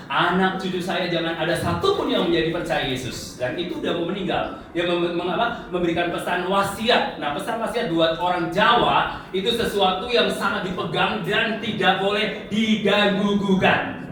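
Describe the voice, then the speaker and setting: This high-sitting male voice belongs to a guest preacher from Central Java, Indonesia, an evangelist delivering a conversational, personal sermon full of rhetorical and tag questions for the congregation. He's in a large, reverberant hall, recorded from a distance with listeners present.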